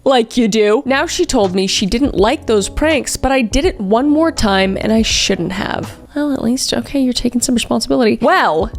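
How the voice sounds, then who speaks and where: A woman's voice: fairly high pitch, animated, moderate pace, few pauses, soft background music. A woman host reading online posts aloud and breaking in with sarcastic, joking commentary. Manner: sarcastic asides, jokes at the writers. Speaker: comedy video host.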